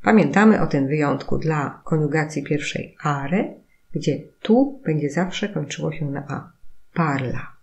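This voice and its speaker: A woman teaching an Italian grammar lesson, explaining slowly and stressing each example word. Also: sits low, expressive, gravelly. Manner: slow, careful explaining with emphatic model words. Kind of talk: recorded language lesson.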